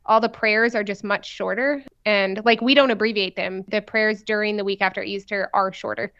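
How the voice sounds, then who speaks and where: A woman's voice: medium pitch, steady tone, moderate pace, a bit bright, highs cut off. A woman speaking casually and playfully as an interview guest, in an informal, chatty way. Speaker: nun, podcast guest.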